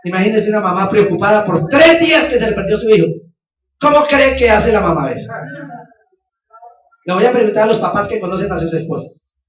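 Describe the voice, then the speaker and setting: A man's voice: high voice, animated, brisk, pauses often, a crowd in the background. A man preaching as a pastor, telling a personal testimony with passion and often calling out to his listeners. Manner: impassioned, repeats phrases and keeps calling out to his listeners. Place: church. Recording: roomy, distant and dull church recording.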